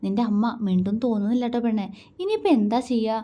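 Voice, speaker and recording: A fond young husband teases and coaxes his wife, his tone playful and loving, as a woman storyteller voices him. The delivery stays close and gentle. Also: fairly high pitch, big pitch swings, fast. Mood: teasing. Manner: playful, coaxing. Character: affectionate teasing young husband.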